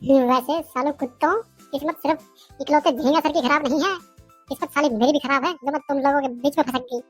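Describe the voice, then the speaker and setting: A man's voice: extremely high pitch, steady tone, fast, soft background music. Man voicing a giggly cheeky schoolgirl. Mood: teasing. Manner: giggling, teasing. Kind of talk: cartoon voice acting.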